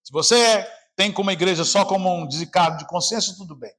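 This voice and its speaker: A man with a Brazilian Portuguese accent, preaching a sermon as pastor, swinging between shouting and a quiet, lowered voice. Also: a little fast. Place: church service.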